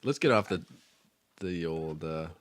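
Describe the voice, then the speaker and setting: A man's voice: low voice, lively intonation, a little slow, dry recording, clean studio sound. A man who is a guest on a casual podcast, easygoing and joking, swearing casually.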